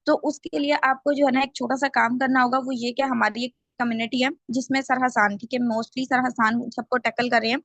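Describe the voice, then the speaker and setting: A woman leads a sales team training over a video call, laying things out step by step. Her voice sits a little high, and the sound is dry and close. She keeps checking in with her listeners as she goes. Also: flat delivery, brisk, few pauses, a bit bright, no echo. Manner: explains step by step, checks in with the group often.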